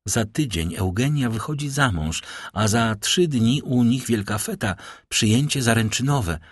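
A man reading an audiobook, voicing a timid, gentle young woman who speaks shyly and softly in a husky voice. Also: medium pitch, expressive, a little slow, no echo, clean studio sound. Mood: dismissive. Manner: shy, soft-spoken.

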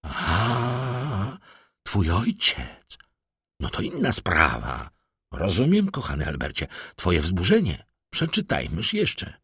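A man's voice: low voice, wildly swooping pitch, slow, fairly bright tone, husky, no room sound, clean studio sound, exaggerated voice. A man voicing a wry, easygoing newspaper editor in an audiobook, jovial and ironic. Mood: measured. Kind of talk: audiobook character voice.

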